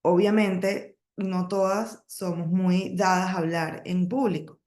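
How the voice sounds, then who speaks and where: A middle-aged woman coaching a group on public speaking, in a gravelly voice of middling pitch. She stresses her points, pauses and corrects herself as she goes. The room carries a noticeable echo. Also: a little mellow. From emigrated to the United States, lives in Texas. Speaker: network marketing trainer. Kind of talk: training talk on public speaking.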